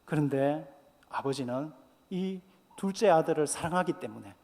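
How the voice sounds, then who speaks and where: A man's voice: a little high, animated, moderate pace, gravelly, darkish tone, in a large hall. A man preaching a sermon as pastor, earnest and fond of rhetorical questions.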